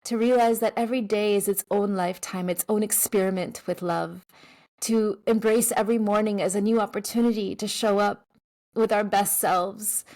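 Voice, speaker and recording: A woman guest in an interview, telling a family story in a gentle, heartfelt way with soft laughs. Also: mid-range voice, no echo, poor audio.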